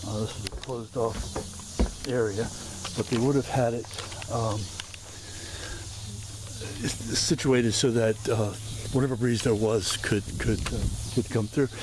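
A man's voice: mid-range voice, fairly even intonation, noisy background. Man rambling on an outdoor tour. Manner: halting, many fillers and self-corrections. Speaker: video host touring a historic site. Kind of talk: unscripted walking tour narration. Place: outdoors at a historic house, open grounds.

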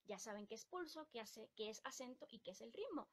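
A woman's voice: on the high side, expressive, fairly quick. A woman from Ecuador teaching a live-stream music lesson, explaining patiently and singing rhythm syllables to show the beat.

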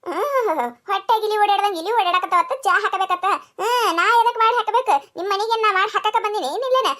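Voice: very high-pitched, a little fast, sharp tone. A performer doing a sulky cartoon daughter-in-law. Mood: defiant. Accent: North Karnataka Kannada. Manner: sulky, defiant, whiny. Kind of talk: cartoon comedy voice acting.

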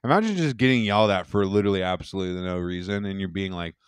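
A man's voice: sits low, rapid-fire, clear, resonant tone, no room sound, clean studio sound. A young man co-hosting a podcast in casual, rambling chat, swearing and restarting often. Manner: rambling, loose and profane, many restarts. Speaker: podcast co-host.

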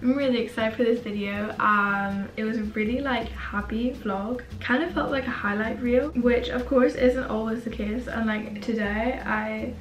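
A woman's voice: fairly high pitch, steady tone, moderate pace, few pauses, highs cut off. A young woman vlogger chatting casually to camera, slightly congested and sick with a sore throat from swollen tonsils. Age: young adult. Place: indoors in a bedroom. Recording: roomy, distant mic.

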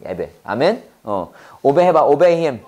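Korean-accented lady teaching english at church, low voice, makes you repeat every word, then rattles off fast explanations. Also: big pitch swings, dark tone. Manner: drills words by repetition, prompting the class to repeat; switches fast between slow English and rapid Korean explanation. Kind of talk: call-and-response English drill with preaching.

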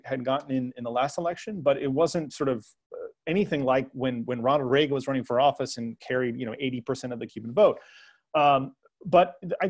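A man answering as a guest analyst on a discussion panel. He talks in a hesitant way, full of fillers and restarts, and lets dry sarcasm slip into his points. His voice sits in a middle pitch. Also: darkish tone.

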